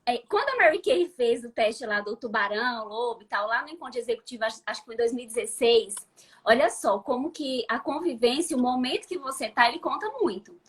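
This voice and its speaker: Husky high-voiced woman host. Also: lively intonation, a little fast, a bit bright. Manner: explanatory, talks to the audience. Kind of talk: live chat explaining to viewers.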